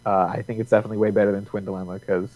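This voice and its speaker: A man's voice: on the low side, flat delivery, rapid-fire, a little mellow, no room sound, poor audio. A man co-hosting a casual podcast chat, easygoing and rambling, often restarting his sentences. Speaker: podcast co-host.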